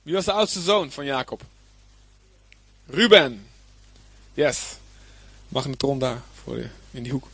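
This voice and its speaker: A man's voice: medium pitch, expressive, slow pace, pauses often, fairly bright tone, slightly rough, no echo. A man preaching a Bible lesson, reading scripture aloud and then explaining it plainly, with emphasis and some hesitant fillers. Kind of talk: Bible teaching.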